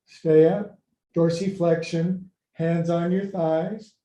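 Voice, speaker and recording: A man's voice: on the high side, fairly even intonation, slow, dark tone. Playful middle-aged male yoga instructor, echoey room. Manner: playful, folksy, joking asides and silly sound words. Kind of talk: live-streamed exercise class instruction.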